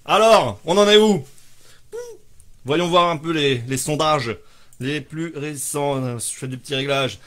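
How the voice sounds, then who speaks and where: A man's voice: a little high, a little slow, a bit bright. A man hosting a casual live stream, joking, rambling and swearing offhandedly as he reads out viewers' answers.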